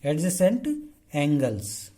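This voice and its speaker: This math teacher's voice runs fairly high, with a dark tone and a very animated delivery. Mixing Hindi and English math vocabulary, he poses questions and supplies the answers, repeatedly checking on students with "okay." His pace stretches out slowly whenever he writes on the board.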